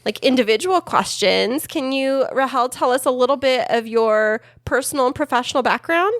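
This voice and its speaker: A woman's voice: high voice, animated, moderate pace, no room sound, clean studio sound. A woman from Southern California co-hosting a podcast, upbeat and encouraging as she asks her guests questions. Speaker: podcast co-host. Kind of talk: casual interview chat.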